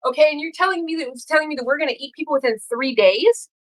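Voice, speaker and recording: A woman's voice: high-pitched, racing, rough recording. A woman co-hosting a podcast in casual chat, telling stories earnestly and emphatically. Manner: earnest, emphatic, rambling storytelling. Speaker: podcast co-host.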